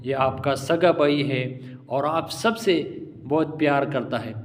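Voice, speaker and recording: A man teaching tajweed pronunciation in a patient, encouraging lesson, repeating letters slowly and drawn out. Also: mid-range voice, long reverb tail. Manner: affectionate, encouraging. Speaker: Quran recitation teacher.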